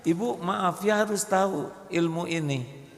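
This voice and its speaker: Slow, gravelly preacher. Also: male voice, sits high. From Indonesia. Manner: lively storytelling, acts out pleading voices. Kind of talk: Islamic sermon to a live congregation. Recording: echoey hall.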